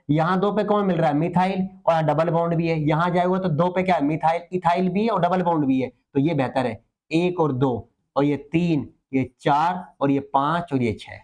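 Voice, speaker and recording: High-voiced chemistry teacher coaxing students. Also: male voice, darkish tone. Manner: coaxing, asks questions then answers himself. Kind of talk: online exam-prep lecture.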